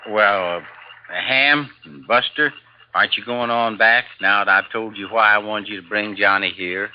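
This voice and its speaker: Heard through a dull old recording, a man voices a stubborn, folksy desert fisherman in a 1950s radio drama. His voice is on the low side with a steady tone and moderate pace, close to everyday speech, and his lines come out drawling and hesitant.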